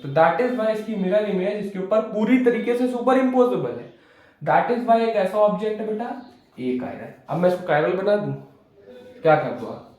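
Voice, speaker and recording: A man's voice: fairly high pitch, darkish tone, very echoey, rough recording. A man teaching chemistry in a classroom lecture, quizzing his students and answering his own questions.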